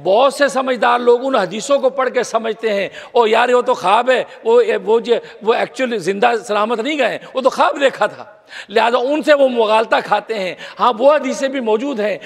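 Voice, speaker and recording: A man, a mufti, preaching an expressive sermon. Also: high voice, creaky. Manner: expressive, mimics skeptics' voices when quoting them. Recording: long hall reverb.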